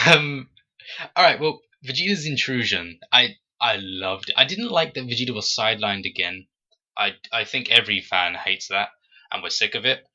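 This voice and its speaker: A man hosting a casual fan podcast, talking in an animated, critical way and jumping high when he acts out quotes. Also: moderate pace, muffled recording. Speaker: podcast host.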